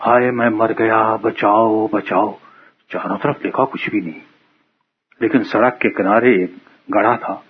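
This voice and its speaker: A man retelling a translated story from memory in a lively, conversational way. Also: on the low side, a little hiss or hum. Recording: muffled phone-like radio sound.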